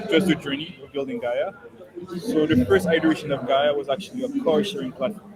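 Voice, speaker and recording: A man, a startup founder giving a measured conference presentation over a video call. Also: a little high, poor audio. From Haiti. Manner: measured, walks through points in order.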